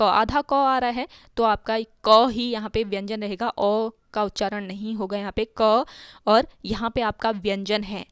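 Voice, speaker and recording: A woman's voice: mid-range voice, clean tone, no echo, clean studio sound. A woman teaching an exam-prep grammar lesson, asking her own questions and answering them, spelling words out sound by sound. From India.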